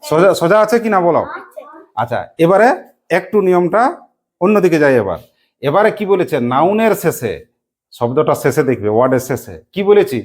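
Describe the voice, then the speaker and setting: A woman with a low, slightly mellow voice and big pitch swings teaches a class an English grammar lesson. She fires off quick questions and spells words out letter by letter.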